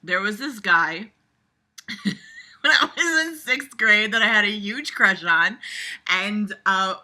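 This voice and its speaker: A woman with a mid-range, bright voice reads aloud casually and slowly, animated and forceful, layering on mocking commentary. She sounds sarcastic, exasperated and foul-mouthed, an amateur reader and commentator with a regular audience.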